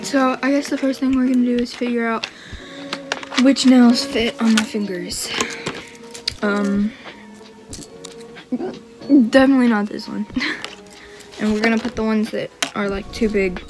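A high-pitched young woman chatting in a laid-back home vlog, bubbly and full of little giggles. She keeps hiccuping as she talks, and music plays clearly underneath her. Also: fairly even intonation, unhurried, pauses often, rough recording. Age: young adult. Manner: chatty and bubbly, with frequent giggles and filler words. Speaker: vlogger. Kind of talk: casual chat.

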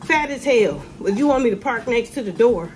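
A middle-aged woman ranting to a phone camera in a casual vlog, animated and sassy, with sudden high exclamations. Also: moderate pace, a little hiss or hum. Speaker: vlogger. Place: room with ceiling lights, indoors. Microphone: phone camera held below face.

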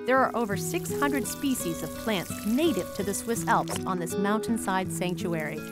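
A woman giving scripted travel narration in a lively storytelling way. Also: medium pitch, normal speed, loud music behind the voice.

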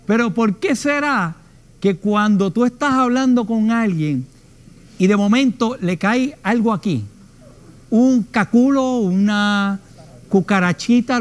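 A man's voice: high-pitched, unhurried. A man with a Puerto Rican accent hosting a studio comedy show, telling a story animatedly and acting out the other people in it. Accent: Puerto Rican Spanish. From Puerto Rico. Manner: animated storyteller, acts out voices with shrieks. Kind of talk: comic storytelling monologue. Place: television studio.

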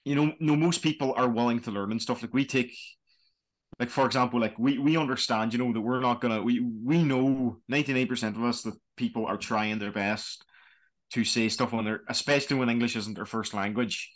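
A man's voice: mid-range voice, fairly even intonation, a little fast. Young Donegal Irishman, hesitant and rambling. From Donegal, Republic of Ireland. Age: young adult. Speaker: student guide, interview guest. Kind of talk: casual chat. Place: small plain room indoors. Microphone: webcam video call.

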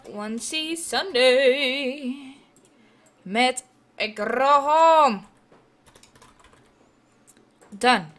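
A woman's voice: high voice, a bit bright. A woman giving casual, swear-heavy commentary while playing a computer game at home, chatting to her viewers and dropping in English phrases. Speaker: gaming video host. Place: indoors at a computer, wearing headphones.

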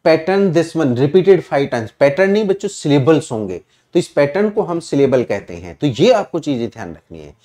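A man's voice: on the high side, a little mellow. A man with an Indian English accent teaching an online exam-prep English class, explaining answers step by step and quizzing his students.

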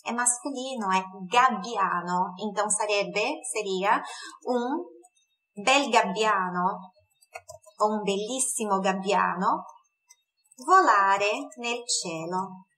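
A woman teaching an online Italian lesson in Portuguese, slowly repeating words for pronunciation. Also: mid-range voice, sharp tone, rough recording.

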